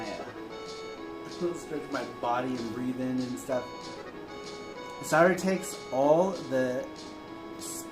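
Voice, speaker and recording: A man co-hosting a show chats casually, laughs often, and reads long viewer letters and answers aloud. His voice is mid-range, and the recording sounds roomy and rough.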